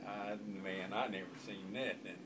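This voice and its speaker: An older man with a folksy grandpa voice and a rural Southern American accent spins a rambling, informal country yarn, telling family stories as a grandfather. His gravelly voice sits low, with fairly even intonation and a normal speed. The microphone is distant and the background noise is loud.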